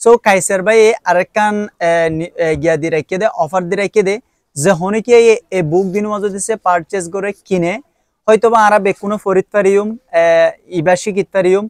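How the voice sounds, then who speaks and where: A man's voice: high-pitched, fairly even intonation, moderate pace, dry recording, clean studio sound. A young man with a Rohingya accent, casually reviewing and promoting books, explaining step by step with frequent hesitations. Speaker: book reviewer. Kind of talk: casual spoken product review.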